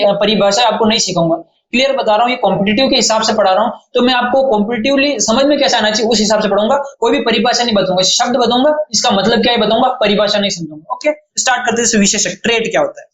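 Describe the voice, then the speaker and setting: A man's voice: very high-pitched, fast talker, a bit bright. A man teaching a science lesson to exam students in Hindi with a Rajasthani accent, often repeating key terms back as questions. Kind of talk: classroom-style lecture. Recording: echoey room, faint noise.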